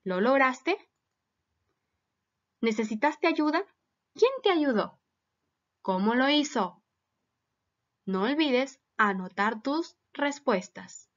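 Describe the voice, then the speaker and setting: A woman's voice: high-pitched, expressive, takes it slowly, long pauses, dull audio. A woman teacher giving a recorded lesson for children, patiently asking them many questions.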